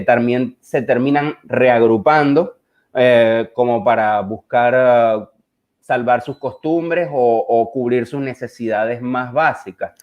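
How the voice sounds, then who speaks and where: A man with a Caribbean Spanish accent talking reflectively as a visual artist, hesitant and often searching for words. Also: medium pitch. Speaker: visual artist presenting his work. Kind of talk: reflective conversational talk. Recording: dull, lo-fi online audio.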